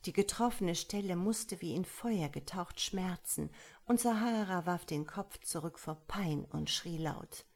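A woman narrating a story as an audiobook reader in a calm, measured way. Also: lowish voice, gravelly.

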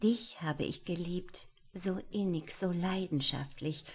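A woman voicing a haughty young noblewoman in an audiobook, speaking softly and languidly, half in a whisper. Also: on the low side, slow, husky, pitched above the performer's own voice, full character voice. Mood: melancholy. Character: cold, aloof young noblewoman, haughty mistress. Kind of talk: audiobook character voice.

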